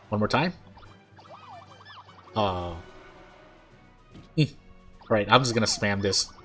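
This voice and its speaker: A streamer with a fairly high, bright, slightly rough voice rambles through casual game commentary, thinking out loud. On some sounds his overbite causes his teeth to catch his lip, and game music plays underneath.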